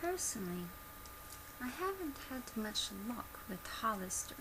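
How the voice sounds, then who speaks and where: In a small bedroom at home, a twentysomething ASMR creator role-plays a customer service presenter, demonstrating a product softly and quietly in a gentle, instructional way. Her voice sits on the high side and is very animated, though unhurried. The amateur webcam recording is noisy, with background noise clearly audible.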